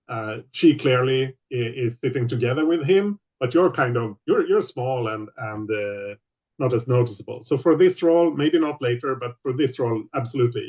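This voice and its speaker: Male game master on an online call, patient and halting, muffled lo-fi sound. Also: mid-range voice, a little mellow, slightly rough. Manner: explains rules patiently with many pauses. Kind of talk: running a tabletop game online.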